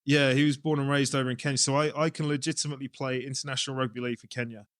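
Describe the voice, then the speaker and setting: Here a rugby coach who also directs a club answers interview questions in a relaxed English accent, thinking aloud as he explains his views. He talks rapid-fire at a medium pitch, with little movement in his intonation. It's a dry, clean studio recording.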